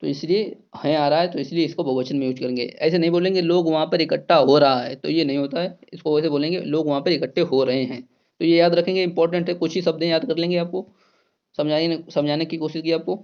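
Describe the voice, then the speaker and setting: A man's voice: on the high side, steady tone, fast talker, lo-fi sound. A man teaching an exam-prep grammar lesson, repeating key words and asking and answering his own questions.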